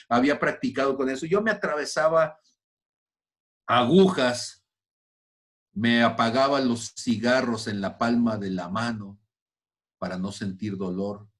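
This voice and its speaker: Man, preacher, testimony sermon, loud bursts and quiet drops. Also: medium pitch. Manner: dramatic swings from loud exclamations to hushed near-whispers.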